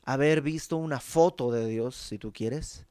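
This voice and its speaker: A man's voice: mid-range voice, a little slow, dark tone, no echo. A man preaching a sermon in a conversational, explanatory teaching manner.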